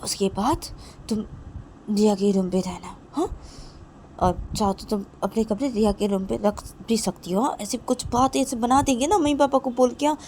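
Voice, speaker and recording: An anxious young woman lover, put on by a woman telling the story begs again and again. Her pleas climb high, with faint hiss behind them. It is plain amateur storytelling, not polished acting. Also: normal speed, a little mellow, close to an everyday voice. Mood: persuading. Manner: repeats pleas over and over. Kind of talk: amateur story narration with voices.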